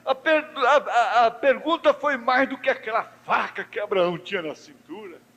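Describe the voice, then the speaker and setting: A male pastor preaching a sermon, swinging between soft low talk and high fervent cries, with a Brazilian Portuguese accent, recorded in a church. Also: expressive, moderate pace, lo-fi sound. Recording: echoey church hall recording.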